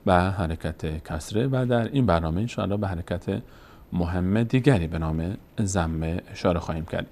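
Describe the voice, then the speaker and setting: A man with a somewhat low voice gives a step-by-step Quran reading lesson in an Afghan Dari accent. He explains patiently, repeating terms and going through the alphabet one letter at a time.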